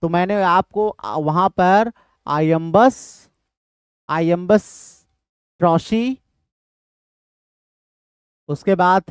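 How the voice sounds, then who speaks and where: Slow, deliberate male lecturer. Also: high voice, clear, resonant tone, dry recording, studio quality. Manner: slow, deliberate, repeats terms and greets students by name. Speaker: English literature teacher. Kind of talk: live online lecture in Hinglish.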